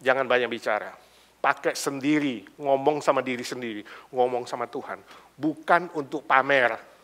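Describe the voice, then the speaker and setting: An Indonesian pastor preaches a sermon built on anecdotes, acting out the characters in his stories and sprinkling in English phrases and casual slang. His mid-range voice is bright and forceful, moving at normal speed.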